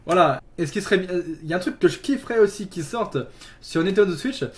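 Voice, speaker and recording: A man's voice: high-pitched, animated, fast talker. A man hosting a gaming video, chatting casually with many fillers and restarts and laughing at himself. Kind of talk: casual chat.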